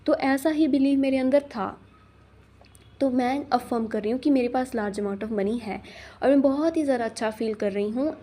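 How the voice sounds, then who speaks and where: Calm, mellow-voiced young woman sharing a story. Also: fairly high pitch, slight background noise. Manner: calm, repeats phrases, fillers and Hinglish. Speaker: manifestation coach. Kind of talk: casual personal story to camera.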